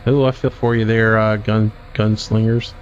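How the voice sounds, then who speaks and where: A man streaming a game and casually answering chat questions in a relaxed, drawling way. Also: lowish voice, normal speed. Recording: dull lo-fi stream audio with faint vehicle noise.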